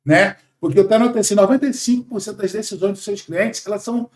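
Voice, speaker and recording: A man in his forties from Brazil, a sales trainer talking in a podcast conversation, animated and emphatic, lecturing. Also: sits high, quick pace, reverberant. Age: 40s.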